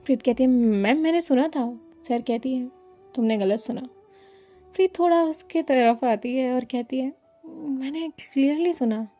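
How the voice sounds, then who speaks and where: A woman narrating a romance story, reading all the characters' lines herself in a calm, even voice. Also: high-pitched, normal speed, soft background music. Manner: reads every character's lines in her own voice, calm and even.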